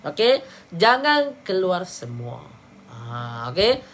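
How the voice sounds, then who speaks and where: A woman with a Malaysian Malay accent teaching Quran pronunciation in a live online lesson, patiently drilling syllables slowly for her students to repeat. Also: fairly low pitch, very animated, a bit bright, slight background noise.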